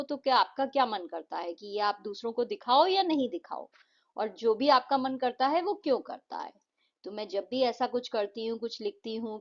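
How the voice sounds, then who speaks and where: Indian woman teaching slowly, lo-fi sound. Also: a little high. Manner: explains slowly and simply, reading English lines aloud slowly. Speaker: English teacher. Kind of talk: classroom lesson explaining a poem.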